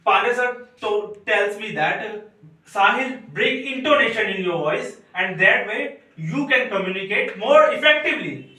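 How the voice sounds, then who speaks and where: A male student with an Indian English accent giving a practice speech, deliberately raising and lowering his voice. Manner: deliberate, shifting loudness for effect. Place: classroom. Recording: echoey room from far off.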